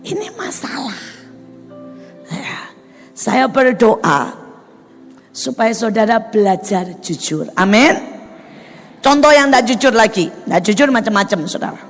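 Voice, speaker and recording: A woman preacher delivering a lively sermon full of stories, often turning to the listeners and mimicking the people she describes. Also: on the high side, a little slow, pauses often. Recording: long hall reverb, faint music.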